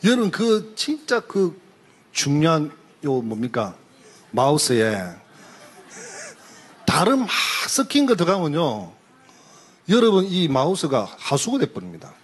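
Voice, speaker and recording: A male pastor delivers a sermon in a church sanctuary. His husky voice sits fairly high and moves a lot. He speaks in short, animated phrases with pauses between them. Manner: animated storytelling, pausing for the interpreter. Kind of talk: sermon with live interpretation.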